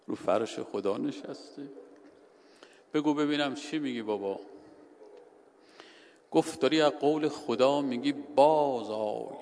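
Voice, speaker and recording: A man telling a story in a sermon, shifting between hushed and loud, dramatic delivery. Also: medium pitch. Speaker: preacher. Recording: hall reverb with faint ambient noise.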